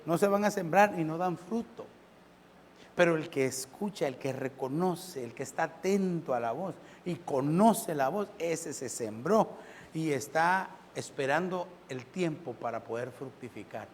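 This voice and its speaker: A pastor preaching a sermon. He keeps asking the congregation questions and swings between loud and soft. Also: a little high, animated, a little slow, long reverb tail, a little hiss or hum.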